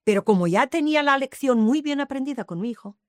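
A woman's voice: high voice, animated, quick pace, no echo, clean studio sound. A woman, telling her life story in an interview with emphatic repetitions. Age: 80s. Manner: emphatic, repeats phrases, swears to the listeners. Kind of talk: emotional personal storytelling.

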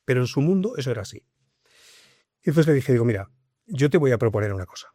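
A man's voice: mid-range voice, fast, no echo, clean studio sound. Middle-aged man telling a police story. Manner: animated, acts out dialogue in his tale. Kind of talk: conversational storytelling.

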